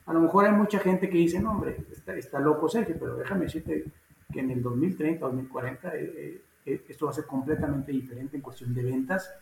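Man, Mexican accent, guest, informal and emphatic, slightly high pitch. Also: a little fast, creaky, roomy sound, background noise. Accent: Mexican Spanish. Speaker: guest, housing executive. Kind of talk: casual interview chat.

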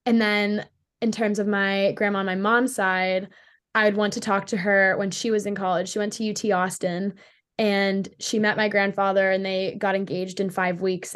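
A young adult woman from Pittsburgh who plays college hockey is a guest in a casual interview. She speaks at a medium pitch with a bubbly manner, using "like" a lot.

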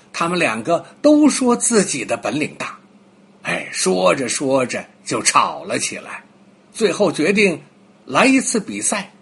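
Husky old grandpa telling a bedtime story. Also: male voice, on the high side. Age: older. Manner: gentle, animated storytelling. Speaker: children's storyteller.

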